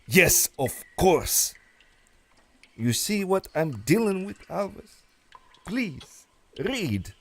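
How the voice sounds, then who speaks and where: A scheming villain doctor, voiced by a man, purrs his threats in an unhurried, silky way, letting each line drag. His voice sits high and swings widely between menace and mock courtesy, the way old radio serial villains did. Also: very animated, a bit bright, full character voice. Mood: condescending. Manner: silky, menacing, drawn-out delivery. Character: scheming foreign male villain doctor, smooth and manipulative. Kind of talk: old-time radio drama acting.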